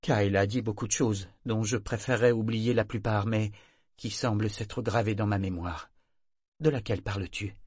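Hushed weary mother, read by a man, older woman, low soft voice, dry close sound. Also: steady tone, normal speed, husky, dry recording. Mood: pleading.

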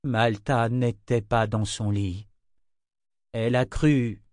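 A man's voice: medium pitch, steady tone, slow, a little mellow, no room sound, studio quality, lightly acted. A man reading the part of a frightened mother who speaks short of breath. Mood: anxious.

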